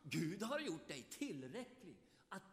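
A man preaching a sermon, emphatic, with loud outbursts and quiet asides. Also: a little high, sing-song, long reverb tail.

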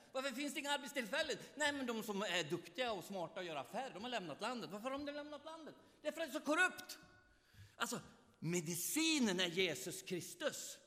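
A man preaching a sermon, emphatic, with loud outbursts and quiet asides. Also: high-pitched, long reverb tail.

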